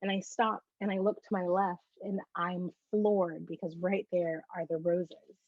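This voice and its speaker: A bubbly woman with a breathy, slightly husky voice recounts her faith testimony as an interview guest. She tells the story in an animated way. The recording is dry and a little dull, lo-fi. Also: on the low side, measured pace, no echo.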